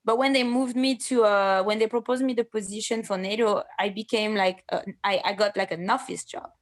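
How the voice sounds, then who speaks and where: Woman, halting chat. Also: mid-range voice, fairly even intonation. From France. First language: French. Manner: hesitant, many fillers and restarts, blunt and swearing at times. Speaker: MMA fighter, interview guest. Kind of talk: casual interview conversation.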